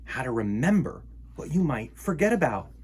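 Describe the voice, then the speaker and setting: At normal speed and medium pitch, a man runs a children's storytime show, reading a picture book and chatting playfully with young listeners. His manner is animated and theatrical, full of exclamations and gasps aimed right at the kids. Slight background noise can be heard.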